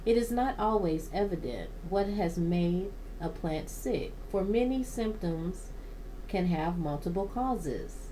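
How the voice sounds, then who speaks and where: Woman, plant channel host, low-ish voice, very slow halting read-aloud with asides, faint background noise. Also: lively intonation, mellow, poor audio. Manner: slow, halting reading with self-corrections.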